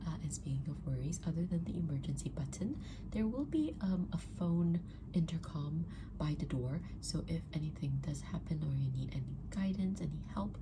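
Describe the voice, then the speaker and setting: Loud background noise and ambience sit around a low, soft-spoken female voice. It is an ASMR role-play of a spa receptionist, acted by a woman. She is polite and reassuring, explaining things softly and patiently. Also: expressive, normal speed. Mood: soothing, helpful.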